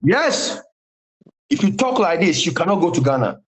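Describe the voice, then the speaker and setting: A man's voice: high-pitched, big pitch swings, moderate pace. A man in a recorded voice note, issuing menacing, swearing threats and repeating himself over and over. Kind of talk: aggressive threats in a phone conversation.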